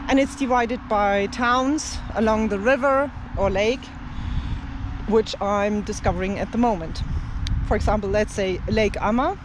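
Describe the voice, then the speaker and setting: Standing outdoors in an open field, this travel vlogger and language teacher, a native German speaker, rambles slowly in a casual talk to camera. The voice sits mid-range, with many fillers and soft laughs, against a noisy background.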